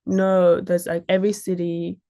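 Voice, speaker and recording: Talking at a normal speed in a fairly low, monotone voice with a dark tone, a young fashion model from Sydney, Australia, chats as an interview guest. She has an Australian accent and tells stories in an informal way.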